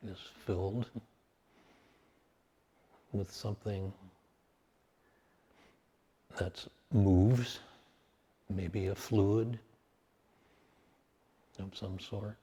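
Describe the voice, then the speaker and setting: This guided meditation comes from a man with a lowish voice who speaks calmly in brief, measured phrases with long silences in between.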